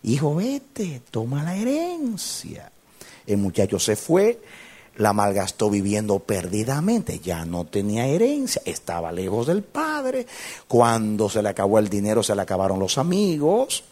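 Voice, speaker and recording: A pastor in his fifties preaching an impassioned sermon that swings from loud shouting to quiet storytelling. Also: lowish voice, wildly swooping pitch, normal speed.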